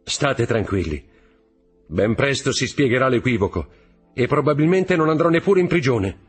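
A man voicing a calm, reassuring young male sailor in a storybook reading. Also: medium pitch, moderate pace, slightly rough, faint music behind, voice pushed up.

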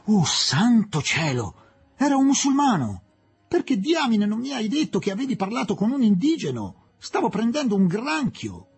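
A man's voice: medium pitch, big pitch swings, normal speed, warm tone. A man voicing a curt, indignant young official. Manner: curt, hoarse and domineering.

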